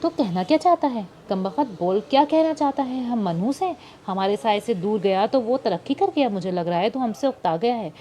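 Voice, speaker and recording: A woman's voice: a little high, expressive, normal speed, few pauses, mellow, voice pushed up, close to an everyday voice. A woman voicing a lonely, grieving older woman who speaks plaintively in an audiobook. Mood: scolding. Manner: plaintive, tearful.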